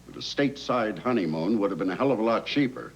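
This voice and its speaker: An actor playing a reluctant, grumbling older husband in a soap opera, hesitant, on dull noisy vintage TV audio. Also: male voice, on the low side, animated, fast talker, creaky. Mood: grumbling, evasive.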